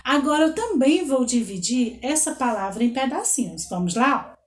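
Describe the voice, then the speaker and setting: A woman with a Brazilian Portuguese accent teaching young children, slowly spelling out letters and counting aloud. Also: high voice, animated, echoey room. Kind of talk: children's lesson.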